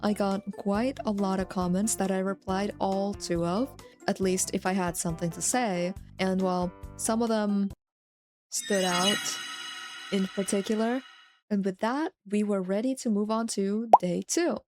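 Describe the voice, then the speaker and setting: A woman narrating her vlog from a script in a playful, self-mocking way, on a crisp new microphone. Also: mid-range voice, steady tone, a little slow. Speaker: VTuber content creator. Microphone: new studio microphone. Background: background music.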